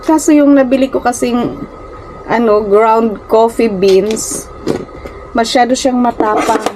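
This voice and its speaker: A Filipino woman vlogger raised in the Philippines chats casually with viewers from her small rented room at home, often calling them "guys" and sometimes stumbling over words. Her voice is a little high and she speaks slowly, with music in the background on a rough recording.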